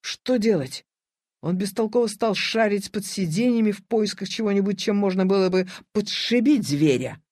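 A narrator reading a children's story aloud in an expressive, animated storytelling manner, close to the mic. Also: mid-range voice, normal speed, hardly any pauses, no room sound.

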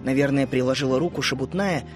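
A man reading a children's fantasy audiobook aloud as an expressive first-person narrator, in a studio. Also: medium pitch, fast talker, over music. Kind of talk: scripted narration.

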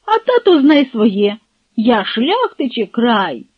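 A woman's voice: fairly high pitch, sing-song, slow pace, voice pushed up, exaggerated voice. A woman voicing a frightened, pleading young village girl in an audiobook. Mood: distressed. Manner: emotional, pleading. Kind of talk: audiobook character voice. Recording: husky, phone-like, dry.

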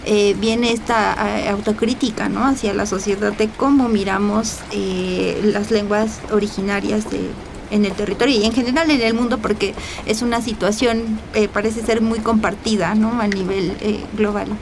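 A woman with a Mexican accent hosting an interview, speaking in a measured way with small hesitations. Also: mid-range voice, steady tone, gravelly, background noise. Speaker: podcast host.

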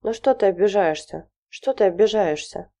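A woman's voice: medium pitch, lively intonation, moderate pace, mellow, close to an everyday voice. A woman reading an audiobook voices a fussy, anxious middle-aged mother who frets and pleads. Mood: coaxing. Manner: fretful, pleading, flustered.

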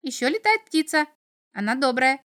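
A giggly little devil from a children's storybook chatters at high speed, his squeaky voice bouncing in singsong lines, put on by a woman reading the tale. He is pushy and full of mischief. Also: sing-song, normal speed, fairly bright tone. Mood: playful. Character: small mischievous male imp, giggly and chattering.

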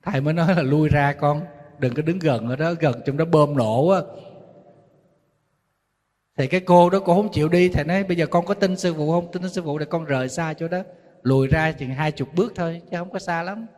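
A man, a Buddhist monk with a Southern Vietnamese accent, giving a sermon full of lively stories and acted-out quoted voices. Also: on the high side, fairly quick. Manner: storytelling, acting out quoted voices, teasing. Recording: long hall reverb.

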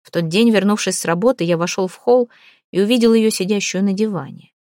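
A woman's voice: medium pitch, fairly quick, a little mellow, no room sound, clean studio sound. A woman reading a first-person novel aloud as an audiobook narrator, acting out the dialogue with drama. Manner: dramatic reading, voicing the quoted lines. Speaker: audiobook reader.

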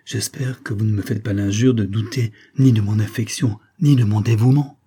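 A man's voice: lowish voice, fairly even intonation, moderate pace, dark tone, slight background noise, close to an everyday voice. A man voicing a timid, dreamy man who answers in a hesitant, earnest way while reading a novel aloud.

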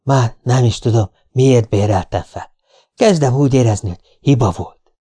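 An irritable middle-aged client nags and grumbles with impatience, as a man reads him in an audiobook. The tone is a bit raised and pushy over a mellow, relaxed timbre. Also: medium pitch, husky, no room sound, natural voice. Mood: irritated. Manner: impatient, nagging. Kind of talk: audiobook reading.

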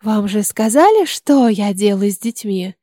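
A woman's voice: mid-range voice, expressive, unhurried, warm tone, dry recording, clean studio sound, lightly acted. A woman reading the lines of a cruel, cunning old witch in an audiobook, speaking in a coaxing, menacing way.

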